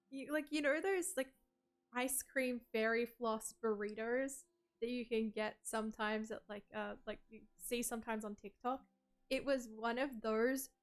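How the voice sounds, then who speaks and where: A woman chats casually on a livestream in a slightly high voice, rambling with plenty of "like" and "um." She laughs often as she reads out messages from viewers.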